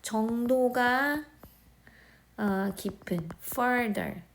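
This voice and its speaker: Slow-explaining Korean woman teacher. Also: on the high side. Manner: slow, explaining, repeating words and checking understanding. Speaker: English grammar teacher. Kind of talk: recorded lesson.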